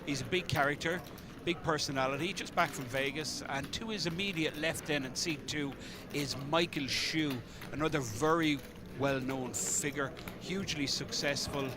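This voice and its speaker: A man's voice: on the high side, moderate pace, hardly any pauses, noisy background. A man with an Irish accent giving casual, chatty live poker commentary, with colloquial turns and hesitant asides. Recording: live, loud crowd chatter behind.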